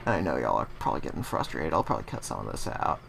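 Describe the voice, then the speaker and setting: A man's voice: extremely low pitch, very animated, quick pace, creaky, fairly bright tone, slight background noise. A man giving casual gaming commentary, swearing heavily and ranting as he gets frustrated. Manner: profane, ranting, easily frustrated. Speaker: let's play commentator.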